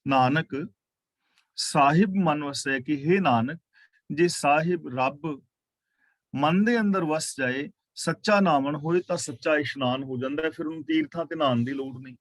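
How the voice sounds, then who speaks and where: A man teaching a scripture class, chanting verses slowly and then explaining them in plain talk. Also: fairly high pitch, no echo.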